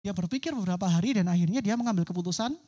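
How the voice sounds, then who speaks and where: A woman's voice: medium pitch, rapid-fire, warm tone. Woman preacher telling a sermon story. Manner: vivid storytelling, acts out quoted voices. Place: church service.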